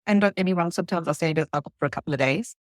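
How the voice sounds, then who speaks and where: A woman's voice: lowish voice, no room sound, studio quality. Earnest reflective woman from South Africa. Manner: earnest, reflective, halting at times. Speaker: guest. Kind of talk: emotional personal interview.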